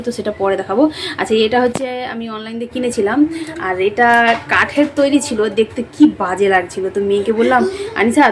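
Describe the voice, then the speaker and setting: Recorded in low quality, this cooking vlogger has a slightly high voice. The middle-aged woman chats casually while cooking and tidying around her kitchen and home, grumbling along the way and frequently fixing words partway through.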